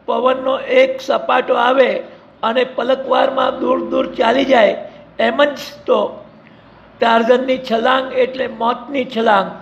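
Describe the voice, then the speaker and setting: A man's voice: very high voice, vocal fry. A man narrating an adventure story in a vivid, emphatic storytelling manner. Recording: dull lo-fi recording.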